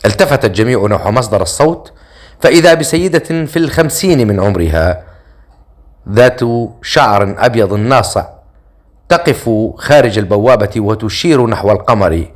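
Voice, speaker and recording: A man reading a fantasy audiobook as narrator, measured and dramatic. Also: fairly low pitch, expressive.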